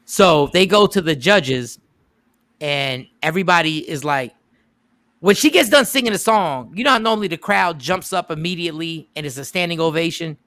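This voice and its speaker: A radio show host telling a story casually, with emphatic repeats and quoted voices. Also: male voice, on the high side, lively intonation, normal speed, fairly bright tone, dry recording.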